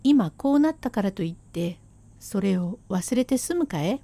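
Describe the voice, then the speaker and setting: A woman voicing a sharp-tongued, hardworking Edo wife who scolds her husband sarcastically and relentlessly, in rakugo storytelling. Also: medium pitch, expressive, moderate pace. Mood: scolding.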